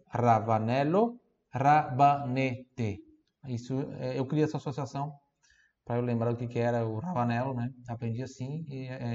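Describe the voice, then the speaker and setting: A man teaching Italian vocabulary, saying each word slowly and asking the listener to repeat it, then explaining quickly in between. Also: medium pitch, dark tone, muffled recording. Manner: slow, drawn-out model words, quick asides. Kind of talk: language lesson with drills.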